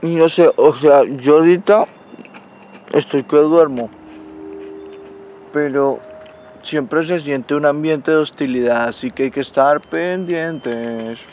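Hoarse young vlogger. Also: male voice, fairly high pitch, takes it slowly, long pauses, a little mellow, slight background noise. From Colombia. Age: young adult. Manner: playful, crude, exaggerated outbursts. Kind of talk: joking handheld vlog. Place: outdoors in a city street. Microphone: handheld camera at arm's length.

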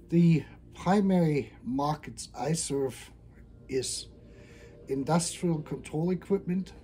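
A middle-aged man from Germany, talking casually and hesitantly about his engineering background, with frequent pauses and restarts. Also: fairly high pitch, mellow. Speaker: hardware engineer, channel host. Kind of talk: casual talk to camera.

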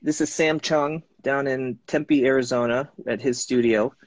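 A man's voice: mid-range voice, fairly even intonation, unhurried, dry recording. A man hosting a casual live-stream interview, easygoing and prompting his guest with short questions. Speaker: host. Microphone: live video stream.

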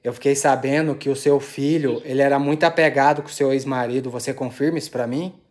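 A man hosting a ghost-hunting vlog from inside an abandoned house, asking questions aloud and dropping into hushed, awed murmurs between them. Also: mid-range voice, fairly even intonation, fast talker. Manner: anxious, awed. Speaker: paranormal investigator host.

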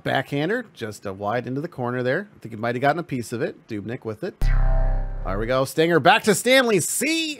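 A man giving casual, excitable play-by-play commentary on a hockey video game stream, laughing often. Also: medium pitch, dry recording.

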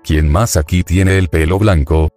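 A brash blond teenage boy, cheeky and sarcastic, who calls his elder an old man, voiced plainly by a deep-voiced man reading the story. The voice stays low, with faint music behind. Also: fairly even intonation, a little slow, darkish tone.

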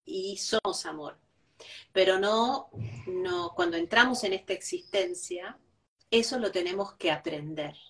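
A woman's voice: medium pitch, measured pace, a bit bright, distant mic. A woman, a guest giving reflective spiritual talk, who tags each point with a questioning "right?". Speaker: interview guest.

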